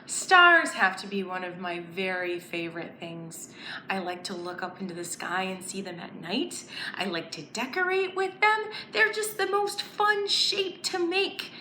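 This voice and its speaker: At a measured pace and in a mid-range voice, a woman presents children's story time with animated, clear diction, asking the little ones to take part in letters, songs and counting rhymes. The recording has roomy echo and a bit of background noise.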